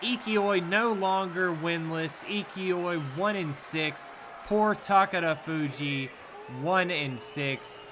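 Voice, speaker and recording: A man with a Southern US accent gives casual live sumo commentary, laid-back and rambling, laughing easily. His voice sits high and he talks slowly, with background noise in the recording.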